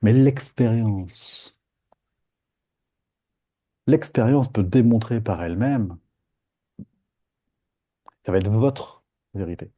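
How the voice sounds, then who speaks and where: Dark husky-voiced man teaching meditation. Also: fairly low pitch, slow pace, long pauses. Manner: lively, playful, acts out inner voices. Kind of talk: live group meditation talk.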